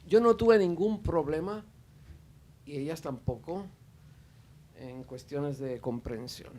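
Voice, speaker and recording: Slight background noise surrounds this man's fairly high, a little mellow voice as he makes spontaneous remarks from the audience at a panel. He goes slowly and hesitantly, full of fillers and false starts.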